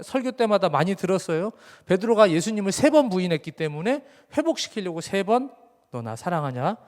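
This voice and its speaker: A young man preaching a sermon as pastor in a conversational way, speaking directly to his congregation in a church sanctuary. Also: sits high. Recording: reverberant church hall.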